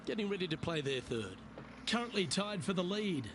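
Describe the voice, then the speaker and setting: A man giving measured, understated play-by-play as a golf commentator. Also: high-pitched, sing-song, background noise.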